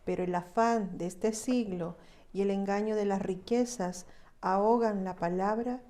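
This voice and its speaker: A woman reading a Bible passage aloud in a quiet, steady voice. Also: medium pitch, a little slow. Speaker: scripture reader.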